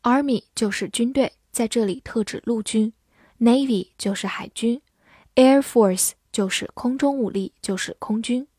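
Female vocabulary tutor, slow deliberate delivery, spells words out, dry studio voice. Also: a little high, dark tone, breathy edge, no room sound. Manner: slow, careful spelling and model reading. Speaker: English teacher. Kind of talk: vocabulary lesson narration.

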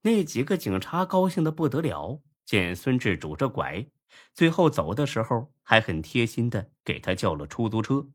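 A man narrating an urban novel as an audiobook, telling it in a lively, wry storytelling manner. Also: medium pitch, moderate pace. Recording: faint background music.

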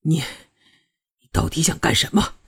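A young prince with a low, restrained and mellow voice that stays guarded and weary, put on by a woman narrating an audiobook. The tone is husky and dark. He speaks with held-back tension. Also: fairly quick, no room sound, studio quality. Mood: irritated. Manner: low, subdued murmur, sometimes irritated. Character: young male prince, troubled and conflicted. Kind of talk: audiobook character voicing.

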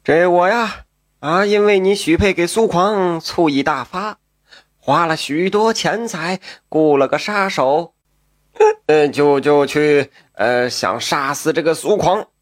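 A male storyteller voicing a drunk, scheming rich husband who confides a dark secret in a low, hesitant way. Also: takes it slowly, no room sound, clean studio sound. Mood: confiding. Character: scheming wealthy young husband, drunk, confessing.

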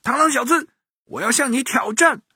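A man voicing a boastful young rooster boy in a storybook, brash and loud. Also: very high voice, normal speed, husky, no echo, clean studio sound, pitched above the performer's own voice, heavily acted. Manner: brash, shouting challenges.

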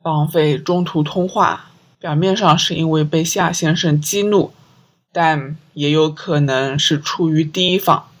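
Woman reading a calm, measured police inspector. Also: low-pitched.

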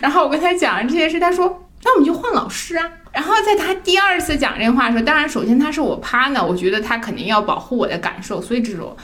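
A woman's voice: sits high, expressive, fast talker, hardly any pauses, a bit bright. A woman in her thirties chatting casually on a podcast, telling personal stories and acting out the voices of people she quotes, often laughing. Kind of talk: casual chat, personal storytelling.

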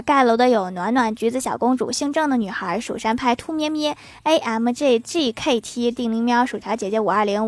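A woman's voice: a little high, no echo. A woman hosting a casual comic audio show, reading listener messages aloud in a playful way and laughing along.

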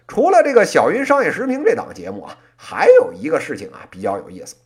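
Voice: mid-range voice, wildly swooping pitch, fast talker. A podcast host in their late thirties with a Beijing accent, delivering a colloquial comic monologue in one-person crosstalk style, full of erhua and little interjections. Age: late 30s. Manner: colloquial plain speech with erhua and frequent interjections.

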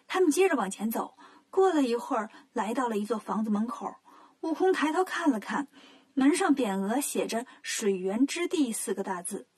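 A woman telling a children's story as the show's storyteller, in a gentle, clear storytelling manner. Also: fairly high pitch, very animated, moderate pace.

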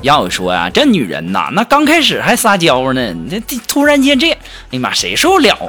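A man's voice: fairly high pitch, wildly swooping pitch, brisk. A man telling cheeky comic stories, laughing at his own jokes. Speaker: comic storyteller. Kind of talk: humorous monologue. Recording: music behind the voice.

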